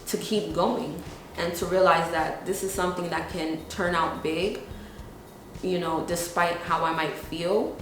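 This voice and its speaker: Echoey, low-voiced young New woman. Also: fairly bright tone, a little hiss or hum. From New York, USA. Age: 20s. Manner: casual, chatty, frequent "like" and "you know". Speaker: young business founder. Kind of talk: documentary interview. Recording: very echoey room.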